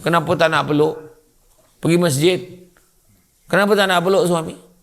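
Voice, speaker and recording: A man giving a humorous religious lecture, telling comic stories in an animated way. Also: a little high, moderate pace, vocal fry. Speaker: preacher. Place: mosque lecture hall.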